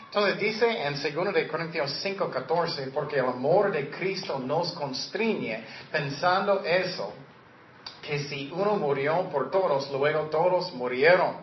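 A man preaching a sermon in a church hall, his pitch sitting a little above the usual for men. The recording is roomy and echoey, slightly dull and lo-fi, with faint noise underneath. He speaks earnestly and directly and now and then acts out the voices he is quoting. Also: measured pace. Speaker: pastor.

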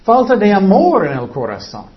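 A man's voice: high-pitched, wildly swooping pitch, normal speed, muffled recording. A man preaching a sermon earnestly, now and then acting out whiny excuses in quoted voices.

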